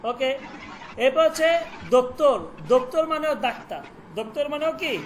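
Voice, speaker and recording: A Persian teacher who repeats words slowly for pronunciation and quizzes the students. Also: high-pitched, a little hiss or hum, poor audio. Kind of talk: online language lesson.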